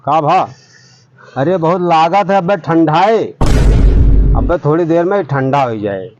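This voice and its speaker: A man with an Awadhi accent playing a smooth-talking village doctor in a rustic comedy skit. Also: on the high side, animated, measured pace, highs cut off, noisy background. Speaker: fake doctor in a comedy sketch.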